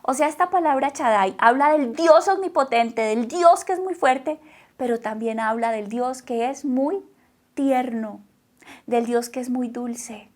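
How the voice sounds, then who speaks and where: A woman's voice: sits high, a little slow, darkish tone. A woman preaching a sermon, who talks emphatically, repeats her phrases and keeps asking the listeners questions. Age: adult mother.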